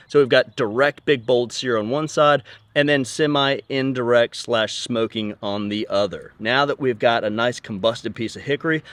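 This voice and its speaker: Brief: male chef host, mid-pitched, energetic and upbeat, demo-style delivery, dry studio-close sound. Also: no echo. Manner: energetic, upbeat, talks straight to viewers. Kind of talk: cooking demonstration.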